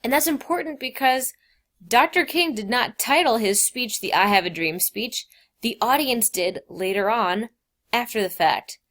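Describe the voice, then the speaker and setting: A woman's voice: fairly high pitch, expressive, measured pace, fairly bright tone. A woman teacher explaining grammar in a recorded lesson, reading out quoted examples with emphasis.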